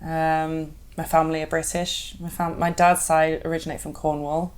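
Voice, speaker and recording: A woman from Zimbabwe co-hosting a casual chat, talkative and quick to laugh. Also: sits low, level tone. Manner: chatty, laughs often, speeds up when keen. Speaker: co-host.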